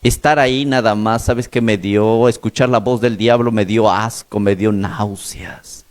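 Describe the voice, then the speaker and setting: A man's voice: medium pitch, steady tone, normal speed. A male pastor preaching a sermon, telling a story in an urgent, emphatic way, with a slightly sore throat.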